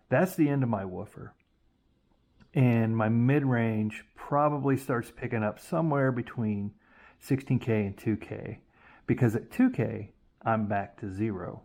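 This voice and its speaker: A man with a mid-range, darkish voice hosts a casual, hands-on YouTube tutorial on testing vintage audio gear. He explains informally and thinks aloud, often correcting himself as he goes.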